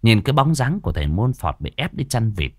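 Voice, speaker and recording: A man narrating a story in a lively, expressive way into a close mic. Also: mid-range voice, brisk, no room sound.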